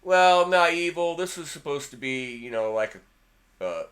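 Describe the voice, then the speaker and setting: Middle-aged male guitar host, bright edge to the voice, casual rambling storyteller. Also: fairly high pitch, animated, normal speed. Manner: rambling, anecdotal, repeats words.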